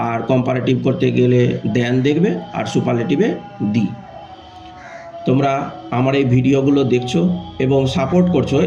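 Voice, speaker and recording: A man's voice: mid-range voice, mellow, muffled recording. A male English grammar teacher giving an online lesson, chanting word lists and lifting his voice to announce each new rule.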